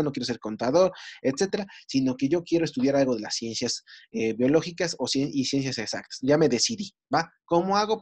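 A man's voice: on the high side, a little mellow. A Mexican man teaching medical students, explaining in a conversational way with homely examples and frequent tag questions. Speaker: university lecturer. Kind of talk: online lecture to medical students.

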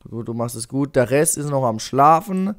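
A man's voice: mid-range voice, expressive, normal speed, fairly bright tone, smooth. A young man commenting on his life-simulation game, chatting away to his characters and coaxing them along. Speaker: gaming YouTuber. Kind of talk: Let's Play commentary.

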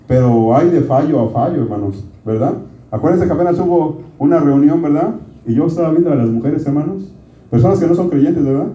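A man's voice: fairly high pitch, brisk, mellow. A middle-aged man preaching a conversational sermon. He keeps asking the congregation "right?" and calls them "brothers". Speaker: pastor. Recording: distant, roomy, dull lo-fi sound.

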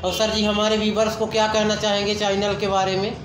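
Man in his 30s, vlogger, high voice, phone held out at arm's length, echoey room with noise behind. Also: monotone, fairly quick. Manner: chatty, repeats "जी" to agree. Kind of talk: casual selfie vlog and interview. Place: small dental clinic office, indoors.

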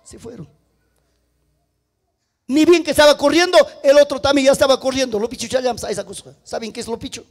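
A man preaching a sermon, telling a story dramatically and swinging between loud and hushed. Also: very high voice, fairly even intonation, brisk, long pauses. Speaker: pastor.

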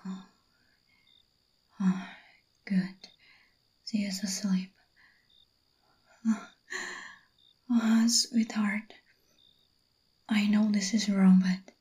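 In a whispered ASMR roleplay, a woman with a mid-range voice plays a desperate, obsessive young boyfriend, pleading and stammering in a soft, breathy whisper.

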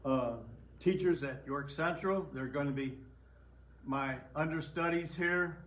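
A man's voice: on the high side, a little slow, muffled recording, a little hiss or hum. An older man, speaking informally to an audience as the whistle player, plain and folksy with restarts, in an indoor room.

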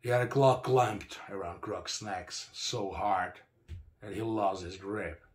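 A man reading a gritty first-person action story aloud, in an expressive, rough-edged storytelling manner with plenty of swearing. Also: on the low side, slow pace. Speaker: narrator.

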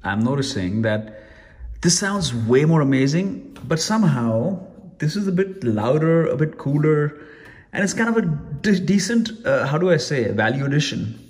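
A man's voice: on the high side, big pitch swings, moderate pace, a little mellow. A man giving a casual, rambling product review at home, chatty and full of restarts. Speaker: tech reviewer. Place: room at home.

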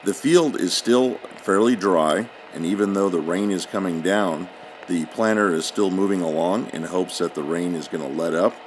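Deep-voiced man narrating over tractor noise. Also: moderate pace. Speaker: channel narrator.

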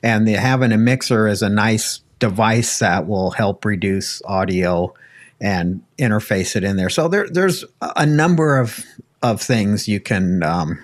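A man's voice: lowish voice, unhurried. An older American man giving casual technical advice in a conversational, folksy way into a close desk microphone. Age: older, around 60s. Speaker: ham radio panelist. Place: home radio room, indoors, video call. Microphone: close desk microphone with headphones.

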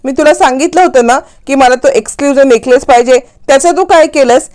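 A woman's voice: high-pitched, fast, darkish tone, close to an everyday voice. A woman voicing a spoiled, scheming young daughter-in-law who makes demands. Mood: demanding. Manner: demanding and petulant.

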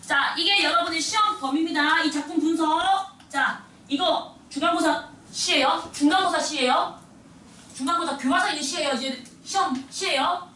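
A woman teacher giving a lively classroom lecture and talking straight to her students. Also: very high-pitched, moderate pace, a little hiss or hum. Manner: animated, addresses students directly. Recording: echoey room, mic at a distance.

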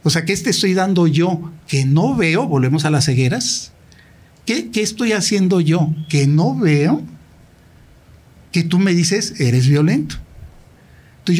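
A man's voice: fairly high pitch, very animated, normal speed, a little mellow, breathy edge. A middle-aged man with a Mexican accent speaking at a university talk, telling his own story candidly and directly and acting out past conversations. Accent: Mexican Spanish. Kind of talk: personal storytelling in a public talk.

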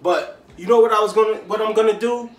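A man hosts a home cooking show, chatting casually and slangily to viewers while he fills potatoes. His voice sits high, and he talks fast.

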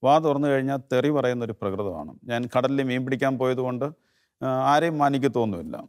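A middle-aged man from Kerala tells his story of faith to an interviewer. He speaks earnestly in a mid-range voice, often breaking off and restarting. At the most moving points his voice drops low and quiet. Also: expressive. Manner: earnest, halting, voice drops low when moved. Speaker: interview guest giving testimony. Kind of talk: emotional personal testimony.

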